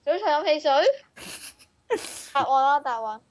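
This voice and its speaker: A woman's voice: high-pitched, expressive, measured pace, no echo. A young woman with a Hong Kong Cantonese accent, chatting casually and playfully as the host of a challenge vlog, using plenty of informal slang. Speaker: video host.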